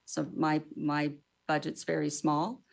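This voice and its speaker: Woman official answering questions at a hearing, voice a bit low, careful bureaucratic explaining. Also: level tone, unhurried, creaky. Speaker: government official testifying as witness. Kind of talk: formal testimony, explanatory answers.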